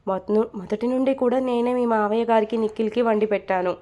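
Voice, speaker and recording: A woman's voice: fairly high pitch, steady tone, a little fast, dark tone, lightly acted. A woman reading a storybook, voicing a fond, chatty middle-aged mother-in-law who scolds lightly. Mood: homely.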